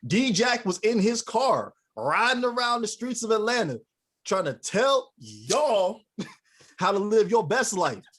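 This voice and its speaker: A man co-hosting a casual faith-based podcast talks in a high, sing-song, slightly bright voice, taking it slowly. He speaks in slangy, emphatic bursts, keeps asking "you know what I'm saying?", and laughs mid-sentence.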